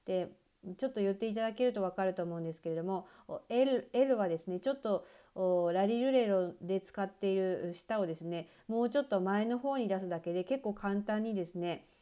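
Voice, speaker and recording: A woman teaching English pronunciation in a patient online lesson, explaining slowly with many filler pauses. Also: mid-range voice, mellow, clean tone.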